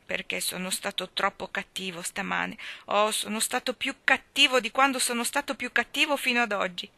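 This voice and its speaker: A woman's voice: mid-range voice, moderate pace, creaky, bright, forceful tone, dry recording, pitched above the performer's own voice. A woman reading an audiobook, voicing a mischievous, contrite small boy in an emphatic, pleading way. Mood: miserable. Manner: pleading, emphatic childlike delivery.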